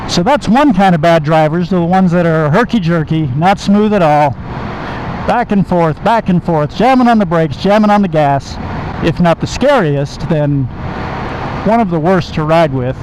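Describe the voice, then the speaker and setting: High-pitched American man talking inside a helmet. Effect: muffled inside a motorcycle helmet. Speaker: motovlogger and car salesman. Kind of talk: casual storytelling to camera while riding. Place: outdoors, inside a helmet on a moving motorcycle. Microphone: microphone inside helmet. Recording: helmet mic with clear engine and road noise.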